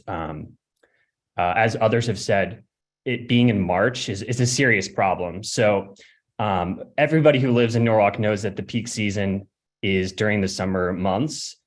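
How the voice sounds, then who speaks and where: A young man from Connecticut giving a hesitant public comment at a city hearing over a remote call, with many fillers and throat clearing. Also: fairly low pitch, normal speed. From Connecticut, USA. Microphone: remote call audio.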